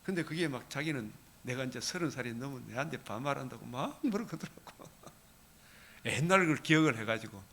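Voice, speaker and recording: Animated older Gyeongsang-accented preacher. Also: male voice, mid-range voice, fairly quick, creaky. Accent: Gyeongsang Korean. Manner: animated, asks the congregation rhetorical questions. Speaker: pastor. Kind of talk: early-morning prayer sermon.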